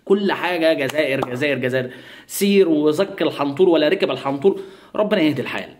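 A man's voice: a little high, lively intonation, fast talker, darkish tone, a little hiss or hum. A man from Egypt with an Egyptian Arabic accent, giving sarcastic, mocking commentary in a comedic vlog. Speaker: YouTuber.

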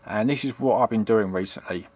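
A fairly quick, darkish, fairly low voice belongs to a middle-aged hobbyist showing retro computing at his home computer desk. His casual tutorial is unscripted, rambling, and hesitant, and he repeats himself often. A handheld camera's built-in mic records him indoors.

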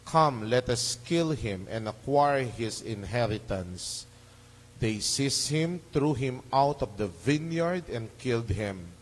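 A man reading the Gospel as a priest at Mass, measured and formal, in an echoing church. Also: mid-range voice, expressive. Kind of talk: solemn liturgical scripture reading. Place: large church during Mass. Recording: echoing church hall, long reverb.

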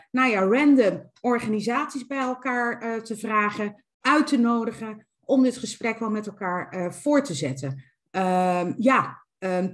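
A woman in her forties summarizing a discussion on a video call, searching for words with many fillers. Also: medium pitch. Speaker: panel speaker. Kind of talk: summarizing in an online meeting.

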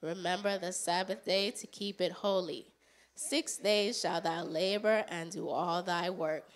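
A woman's voice: lowish voice, fairly even intonation, unhurried. A woman steadily reciting a formal scripture passage. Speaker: scripture reader.

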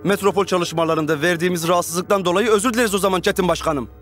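A self-important revolutionary chief from a TV comedy-drama. He speaks in a commanding, pompous way at a fairly high pitch, with faint music behind him. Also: very fast, fairly bright tone. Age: 30s. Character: bossy, self-important revolutionary leader on the run. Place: furnished rooms of a house.

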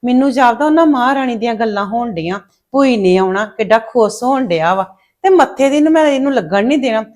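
A woman's voice: a little high, expressive, fairly quick, a little mellow, close to an everyday voice. A woman playing a jealous young mother who grumbles bitterly about her husband's sister. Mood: spiteful. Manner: bitter muttering.

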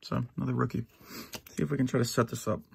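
A middle-aged man opening a box of sports cards for his channel, easygoing and rambling with lots of fillers and restarts, a little hoarse and clearing his throat now and then. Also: mid-range voice, little pitch movement, fast talker, slight background noise. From United States. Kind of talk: casual box-break commentary. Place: at home, in his basement.

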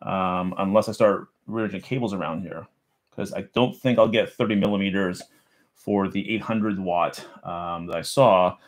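A man in his thirties with a low voice, talking at a normal pace, is a streamer unboxing a computer in a small home office. He chats casually on a live stream, rambling, putting himself down, and muttering as he handles parts of the case. A boom mic near the desk picks him up.

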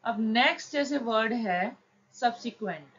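A woman teaching shorthand, explaining each word slowly and patiently, step by step. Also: animated, a bit bright. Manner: slow, patient, drawn-out words. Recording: dull low-fi recording with faint noise.

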